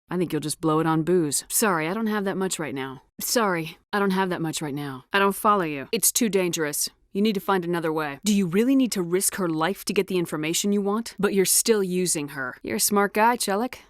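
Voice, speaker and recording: A woman's voice: fairly low pitch, dry recording, clean studio sound, natural voice. A woman playing a firm, blunt military commander in a video game, with clipped, authoritative delivery. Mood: curt, dismissive, then guarded, casual, then firm, persuasive. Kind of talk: video game dialogue acting.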